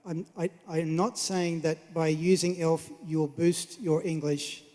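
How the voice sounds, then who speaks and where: A man giving an explanatory academic talk, measured and polite, checking on his listeners. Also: a little high, steady tone, mellow, faint music behind. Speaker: conference presenter. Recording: echoey hall with long reverb.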